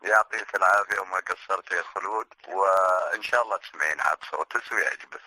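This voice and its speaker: A man's voice: low-pitched, fast, sharp tone, dry recording, poor audio. A man playing pranks on the phone as a radio host, teasing and persuasive.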